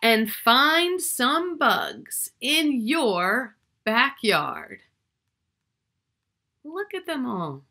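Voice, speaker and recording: Speaking extremely slowly in a sing-song, bright, and forceful voice that sits a little high, a middle-aged woman reads a picture book aloud to young children. She draws out key words and chats with the listener from a small furnished room in her home.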